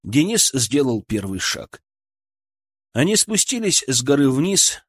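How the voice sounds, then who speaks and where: Guy reading an audiobook, husky, lots of pitch movement, dead dry sound. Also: sing-song, measured pace, no echo. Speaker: narrator. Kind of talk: audiobook narration.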